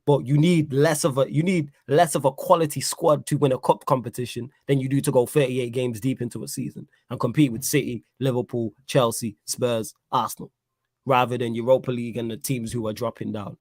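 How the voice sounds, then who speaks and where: A man rattles through his football takes at a fast clip, pressing every point home. His voice sits in the middle range and is recorded close and dry, with no room around it. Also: medium pitch, fairly even intonation, a little mellow, no room sound. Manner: emphatic, repeats "you know what I'm saying". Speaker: football pundit. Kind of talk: casual football reaction chat.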